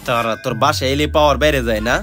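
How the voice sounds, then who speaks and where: A man's voice: mid-range voice, fairly even intonation, rapid-fire, a bit bright, natural voice. A man playing a cowardly elder son who is terrified of ghosts in a comedy skit, whiny and panicky. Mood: puzzled. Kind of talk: comic skit acting. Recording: background music under voices.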